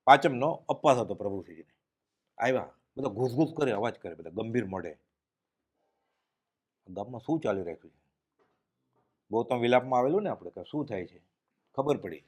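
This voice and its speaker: A man giving a devotional discourse, telling stories and dropping his voice low and quiet at solemn moments. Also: animated, moderate pace, pauses often, breathy edge. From Gujarat, India. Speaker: spiritual speaker giving a discourse.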